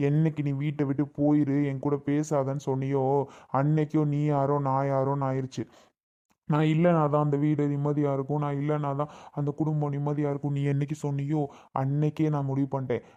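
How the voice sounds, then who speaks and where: A man's voice: on the high side, level tone, brisk, mellow, muffled recording. A man acting in a melodramatic family skit, scolding angrily. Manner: angry, scolding.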